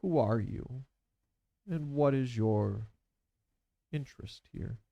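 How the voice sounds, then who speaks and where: Tabletop game figure: frail, shaky old orc granny, formal and probing, slow delivery male performer. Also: mid-range voice, vocal fry, no echo, highs cut off, voice pushed up. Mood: stern, probing.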